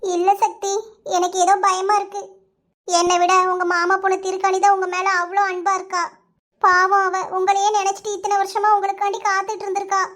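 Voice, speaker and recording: A young cartoon sweetheart with a piping, almost childlike voice. She speaks with a Kanyakumari Tamil accent, whining and shrill, easily wounded and close to tears. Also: monotone, fairly quick, fairly bright tone. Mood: anxious. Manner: shrill and whiny, stammers when upset. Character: young woman lover, squeaky, touchy and tearful. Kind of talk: cartoon voice acting.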